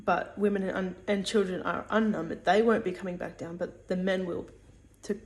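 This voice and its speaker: Soft-spoken woman teaching with many fillers. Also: fairly low pitch, fairly even intonation, moderate pace. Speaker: religious teacher.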